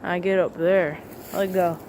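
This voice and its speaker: A man speaks through a gender swap voice filter that makes him sound like a woman, his voice high with little pitch movement and a measured pace. Perched up in a tree in the woods for a casual vlog, he rambles hesitantly with many fillers, and there's background noise.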